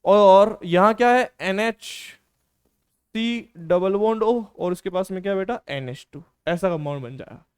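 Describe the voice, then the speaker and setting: A male chemistry teacher lectures in a casual, encouraging classroom style, his voice high, smooth and unhurried. He keeps posing questions to students and answering them himself, often calling them "beta".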